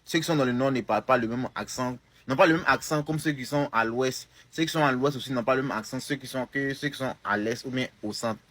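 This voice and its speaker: A man's voice: mid-range voice, fairly quick, hardly any pauses, a bit bright. A young man with an Ivorian French accent, answering a comment in a casual video. He talks with emphasis and often repeats or restarts phrases. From Côte d'Ivoire. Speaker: content creator.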